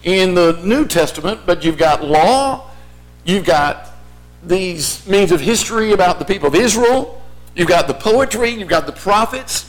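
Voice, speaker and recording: High-pitched man preaching. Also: lively intonation, a little slow, soft background music, poor audio. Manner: explanatory, rhetorical questions in imagined listeners' voices. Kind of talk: sermon, teaching Bible basics point by point.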